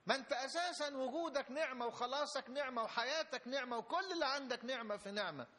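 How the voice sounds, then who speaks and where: High-voiced Egyptian preacher. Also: male voice, fast talker, bright, forceful tone. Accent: Egyptian Arabic. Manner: emphatic, repeats phrases, rising fervor. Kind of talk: sermon.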